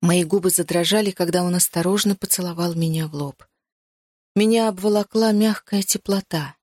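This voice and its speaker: A woman narrating a first-person novel in a measured, even storytelling manner. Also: lowish voice, no room sound, studio quality. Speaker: audiobook narrator.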